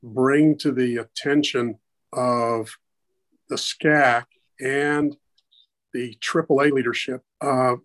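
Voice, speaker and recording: A man speaking at a virtual committee meeting, halting with many fillers, his video-call audio choppy and breaking up. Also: mid-range voice, steady tone, a bit bright. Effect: choppy, garbled video-call audio that breaks up. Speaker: committee member.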